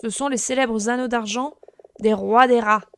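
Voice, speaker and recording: A woman reading the lines of an earnest young male rat guard in a video game, in a plain, soft-spoken way. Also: fairly high pitch, fairly even intonation, moderate pace, slight background noise.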